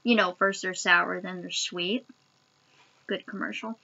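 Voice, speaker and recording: This young woman's fairly low voice carries vocal fry and a sharp tone, staying fairly even at a measured pace. She's casually vlogging a sour candy taste challenge to a webcam at arm's length in a small home room, and the audio is muffled.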